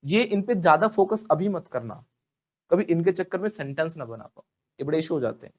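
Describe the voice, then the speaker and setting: A native Hindi speaker with an Indian accent teaches spoken English pronunciation in a classroom, drilling words over and over and often asking the class to repeat them. His voice is fairly high, expressive, and brisk.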